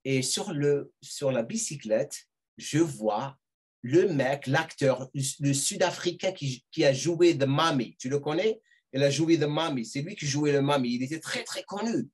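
A middle-aged man telling a personal story as a podcast guest, animated and full of restarts and repeated words. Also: fairly high pitch, measured pace, breathy edge. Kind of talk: casual storytelling.

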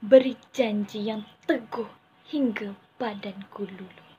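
A young woman with a Malaysian accent recites a poem in a theatrical, stagey manner, with big swells and drawn-out phrases. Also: medium pitch, dark tone. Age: young adult. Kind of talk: theatrical poetry declamation. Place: small room indoors. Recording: dull lo-fi phone audio, clear background noise.

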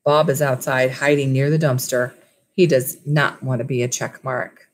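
Her voice is bass-deep, fairly even in intonation, and moderately paced, with a little hiss or hum in the audio. She's a school library teacher in her thirties reading a storybook and chatting informally with children, recorded at arm's length on a webcam or laptop mic in a small wood-panelled room at home.

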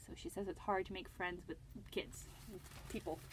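A woman librarian reading a picture book aloud to children, gently asking them questions and laughing often. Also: on the low side, steady tone, moderate pace, a little hiss or hum. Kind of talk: storytime read-aloud for children.

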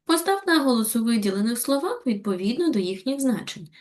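A woman with a Ukrainian accent giving a recorded lesson to young schoolchildren, explaining patiently and clearly. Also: fairly high pitch, animated, brisk, a little mellow. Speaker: primary school teacher. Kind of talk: recorded video lesson for children.

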